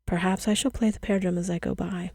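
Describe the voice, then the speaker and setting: A woman's voice: fairly low pitch, steady tone, fast talker, warm tone, breathy edge, no echo, clean studio sound. A woman voicing a strange, sly village girl who speaks coolly and with superiority in a storybook reading.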